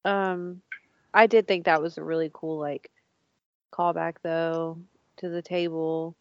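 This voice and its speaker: A woman's voice: low voice, little pitch movement, slow, no room sound. A woman chatting casually about a TV show, laughing often and swearing, with lots of fillers. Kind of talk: casual chat. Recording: dull, lo-fi dry sound.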